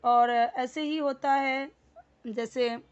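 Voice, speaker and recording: A woman's voice: sits high, steady tone, drawn-out words, clean tone, dull audio. A woman teaching English in Hindi, repeating words and explaining them patiently with many fillers.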